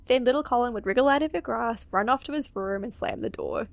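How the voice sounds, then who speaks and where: A woman's voice: on the high side, vocal fry, dry recording. Giggly woman reading a visual novel. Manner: giggly, quick asides, casual swearing. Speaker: let's play gamer. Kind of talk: casual let's play reading of a visual novel.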